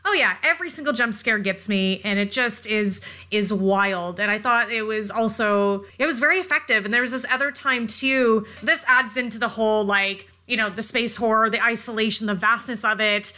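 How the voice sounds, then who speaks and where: Bright, higher-voiced woman co-host. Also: normal speed. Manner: animated, self-deprecating storytelling. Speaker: podcast co-host. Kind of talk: casual podcast chat.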